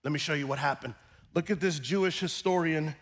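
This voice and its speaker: A middle-aged man preaching a sermon on a church stage, animated and calling out to his congregation. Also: on the high side, a little fast. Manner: animated, gesturing, calls out to the congregation. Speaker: pastor. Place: large church stage with band gear.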